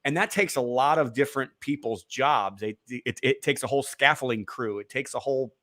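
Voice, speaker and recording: A man's voice: mid-range voice, fairly quick, sharp tone. A man as an interview guest, rambling casually with many fillers and restarts.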